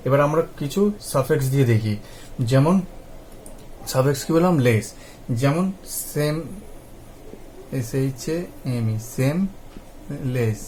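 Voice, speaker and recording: A man whose voice is a little high and a little mellow teaches English pronunciation, spelling each word letter by letter and saying it again. Throughout this spoken lesson he keeps checking that viewers follow along, over slight hiss or hum.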